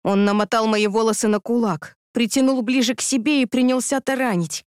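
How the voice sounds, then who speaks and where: A woman narrating a first-person audiobook in an expressive, breathy reading voice. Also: a little high, a little fast, dry recording, studio quality.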